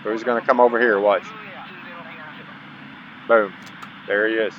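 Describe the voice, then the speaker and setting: A dull-sounding man with a lowish voice and flat, unhurried delivery provides game tutorial commentary as a gaming channel host. He makes casual, folksy asides to viewers and partly reads on-screen instructions aloud, recorded on a dull lo-fi mic with faint background noise.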